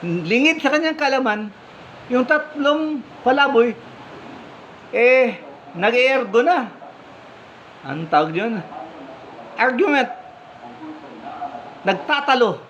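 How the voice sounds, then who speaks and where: A man's voice: extremely high pitch, animated, takes it slowly, pauses often, fairly bright tone. A man preaching, retelling a parable in a conversational way and posing rhetorical questions to his listeners. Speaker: preacher and blogger. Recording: slightly muffled, faint background hum.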